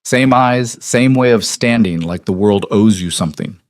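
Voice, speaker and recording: A man's voice: on the low side, normal speed, close to an everyday voice. A man voicing a cold male crime boss in his seventies, speaking in dry, clipped, commanding lines.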